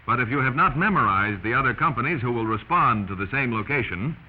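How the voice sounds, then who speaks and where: An American man narrates a 1940s instructional film, speaking emphatically and instructively straight to the listener. His medium-pitched voice is expressive and quick, heard through a muffled, noisy soundtrack of the era.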